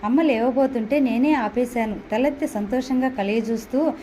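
Narrator: woman, Telugu accent, gentle storybook reading, voice on the higher side. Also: normal speed, a little hiss or hum, rough recording. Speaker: audio novel narrator.

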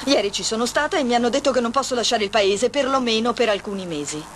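Sly, animated, sarcastic woman acted by a woman. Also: on the high side, quick pace, close to an everyday voice. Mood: evasive. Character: sly, sarcastic, defiant woman, a crook's lover. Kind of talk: dubbed TV soap opera acting. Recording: old TV soundtrack, noisy room ambience.

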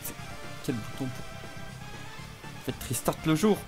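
A man's voice: on the high side, animated, a little slow, darkish tone, soft background music. Playful man commentating a game. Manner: playful, self-mocking, chatty with viewers. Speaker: gaming YouTuber. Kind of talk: casual let's play commentary.

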